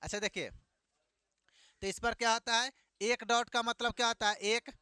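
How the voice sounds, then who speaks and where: A man leads a classroom math lesson in a high, bright voice. He fires questions at the class and repeats every answer back to them. The sound is clean and resonant, with a dry, close feel. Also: flat delivery, moderate pace, clean tone, dry recording. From Bihar, India. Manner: call-and-response questioning, repeats each answer. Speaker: teacher.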